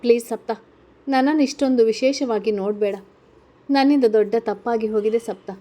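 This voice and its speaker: A woman's voice: on the high side, fairly quick, mellow, lightly acted. A woman voicing a tearful, guilt-ridden young college woman in a read-aloud story, asking anxious questions. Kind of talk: storybook character reading.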